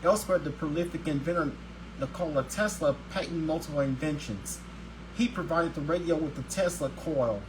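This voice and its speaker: A man's voice: fairly high pitch, normal speed. Upbeat man reading, noisy recording. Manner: reads with stumbles and restarts; upbeat and religious. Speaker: host of a daily video show. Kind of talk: scripted daily video show, partly read aloud.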